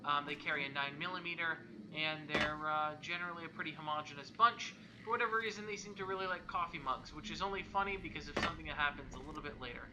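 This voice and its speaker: A man hosting a let's play, talking through the game in a loose, joking, rambling way. His voice sits a bit high, and there's clear background noise. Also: fast talker, few pauses, bright, forceful tone, poor audio. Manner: casual, rambling, joking commentary. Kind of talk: gameplay commentary.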